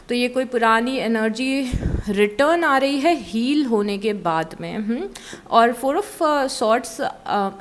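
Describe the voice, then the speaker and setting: A woman giving a casual tarot reading to camera, chatty and mixing English words into her Hindi, with frequent fillers. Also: fairly high pitch. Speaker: tarot reader.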